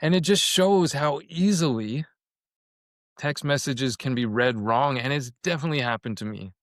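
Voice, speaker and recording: A man's voice: medium pitch, normal speed, no room sound, studio quality. A man in his fifties from Canada, talking reflectively as a podcast guest and often repeating a word as he starts a thought. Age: 50s. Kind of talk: casual conversation.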